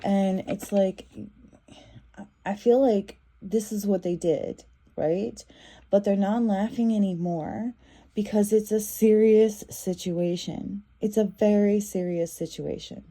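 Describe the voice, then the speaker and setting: A woman's voice: mid-range voice, steady tone, takes it slowly, mellow. A woman giving a casual tarot reading, talking in a loose, repetitive way with many fillers and restarts. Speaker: tarot reader.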